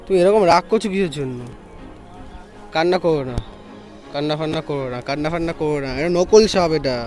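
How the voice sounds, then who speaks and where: A man's voice: fairly high pitch, fast talker, darkish tone, faint music behind. A man vlogging casually outdoors who keeps repeating himself insistently. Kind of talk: casual vlog chat.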